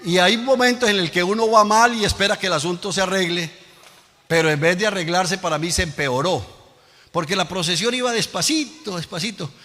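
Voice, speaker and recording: A man's voice: high voice, fairly quick, pushed and bright. A man preaching a Pentecostal sermon as pastor, telling a story and calling on the congregation to repeat after him. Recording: long hall reverb.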